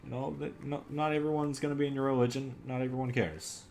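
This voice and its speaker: A man's voice: mid-range voice, little pitch movement, fast talker, creaky, darkish tone, soft background music. A man co-hosting a casual podcast, rambling and swearing while reading news articles aloud. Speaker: podcast co-host.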